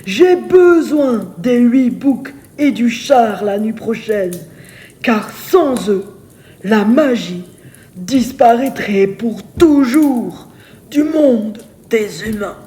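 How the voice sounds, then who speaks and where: A solemn, centuries-old hunt leader as a woman storyteller voices him speaks in a storybook tale. The delivery is grave and hushed, with a slow pace and a mellow, warm tone. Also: a little high, animated, slight background noise. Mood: earnest, grave. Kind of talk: storybook character narration.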